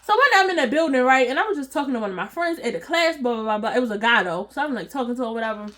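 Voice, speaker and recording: High-voiced, animated woman telling a story. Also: very fast. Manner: animated, laughing often, slangy. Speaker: vlogger. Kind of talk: casual storytime chat.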